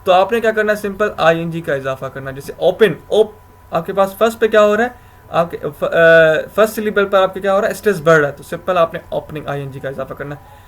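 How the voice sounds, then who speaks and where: Male grammar teacher, slightly high-pitched, talks through rules with frequent self-corrections. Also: brisk. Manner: explains step by step, asks himself questions, self-corrects with "sorry". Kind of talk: recorded video lecture.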